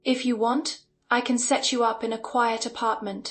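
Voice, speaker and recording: A woman's voice: fairly high pitch, little pitch movement, moderate pace, lightly acted. A woman voicing a smug, arrogant man who talks down to others with fake pity. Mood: patronizing. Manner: scoffing, condescending. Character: smug arrogant man, patronizing tech founder.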